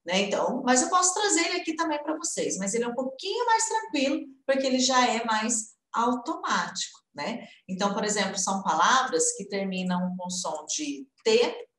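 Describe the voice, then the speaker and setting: Brazilian woman teaching in an echoey room. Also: a little high. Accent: Brazilian Portuguese. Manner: lively, repeats example words slowly. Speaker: English teacher. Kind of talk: online English lesson. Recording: roomy indoor echo.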